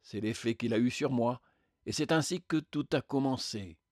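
A serene, patient radiant spirit, as a man reading the tale puts him on, speaking calmly and reassuringly at a middle pitch. It is a storybook reading in a dry, close recording. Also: normal speed, no room sound, close to an everyday voice. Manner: calm, gentle, reassuring.

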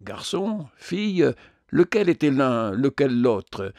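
A man's voice: medium pitch, sing-song, a little mellow, no echo. Man reading a story, dry close sound. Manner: measured reading with occasional hesitations. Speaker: narrator. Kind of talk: audiobook narration.

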